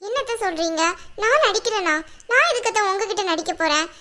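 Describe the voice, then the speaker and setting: Cartoon part: young wife falsely blamed, pleading, protesting, very high and bright, a woman voices her. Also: lively intonation, a little fast, full character voice. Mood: defensive. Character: young daughter-in-law wife, defensive and wronged. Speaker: daughter-in-law. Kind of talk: cartoon voice acting.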